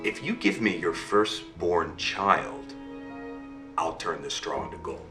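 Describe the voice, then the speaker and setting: A man voicing a sly little male imp in a low hushed sing-song, telling a fairy tale over a video call. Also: slow, roomy sound, far from the mic, music in the background. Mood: sinister.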